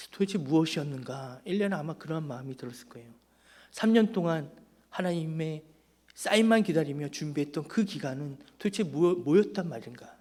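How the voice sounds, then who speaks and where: Male pastor, somewhat higher-pitched, preaching with fervor and sinking into soft, almost whispered stretches at a church prayer service. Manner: impassioned preaching that drops to hushed, near-whispered passages. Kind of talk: Friday prayer meeting sermon.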